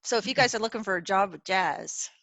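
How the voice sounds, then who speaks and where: Bright, chatty woman hosting a webinar. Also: mid-range voice, brisk, dry recording, lo-fi sound. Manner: chatty, lots of "like" and "you know", reassuring. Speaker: webinar host. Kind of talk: casual chat. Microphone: video call.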